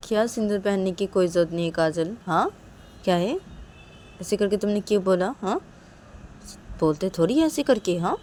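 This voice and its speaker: A woman's voice: mid-range voice, lively intonation, normal speed, long pauses, mellow, a little hiss or hum, lightly acted. A woman voicing a worried mother who fusses and keeps repeating her questions. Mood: scolding.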